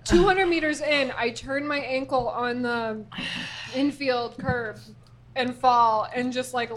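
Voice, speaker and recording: A woman telling a self-mocking story with lively energy, speaking into a handheld mic in a pizzeria. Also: sits high, slow. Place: busy pizzeria bar, indoors. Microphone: handheld mic passed around. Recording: noisy crowded room. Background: loud crowd chatter.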